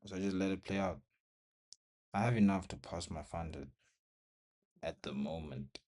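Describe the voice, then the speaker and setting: A man's voice: deep voice, normal speed, darkish tone. A young man recording a casual trading vlog at home, talking viewers through his trade in short broken phrases and a little out of breath. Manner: talks to viewers while watching the screen, in short broken phrases. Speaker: trading vlogger. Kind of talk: casual live commentary. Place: bedroom at home.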